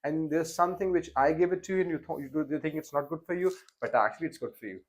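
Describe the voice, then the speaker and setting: Speaking fast in a slightly high voice, a young man hosts a laid-back interview podcast. His delivery is hesitant and full of fillers and false starts.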